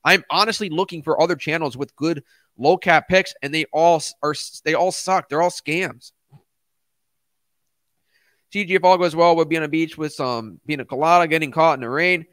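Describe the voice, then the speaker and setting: A man's voice: a little high, normal speed, a bit bright, dry recording. A middle-aged man hosting a casual livestream, speaking bluntly and emphatically with slangy asides into a close microphone. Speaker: livestream host, crypto YouTuber. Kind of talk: casual livestream rant, reading and answering chat. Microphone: close studio microphone.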